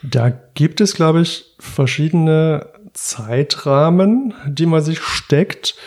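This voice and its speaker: Mellow-voiced man explaining medicine. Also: on the high side, slow. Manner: explanatory, asks the other for confirmation. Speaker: medical podcast co-host. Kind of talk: casual expert discussion.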